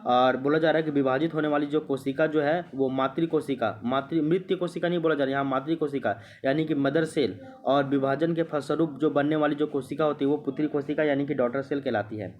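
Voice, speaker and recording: A man's voice: fairly high pitch, fairly even intonation, a little fast, few pauses. A man teaching an exam-prep lecture, explaining step by step, repeating himself and checking that students understand. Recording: muffled lo-fi recording.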